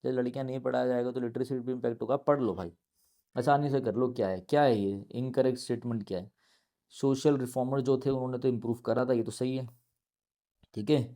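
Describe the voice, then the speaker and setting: Indian english teacher guy, mellow low-ish voice, spells out every word letter by letter. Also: fairly even intonation, brisk. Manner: mixes Hindi and English, spells words letter by letter. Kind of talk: exam-prep lesson explaining answers.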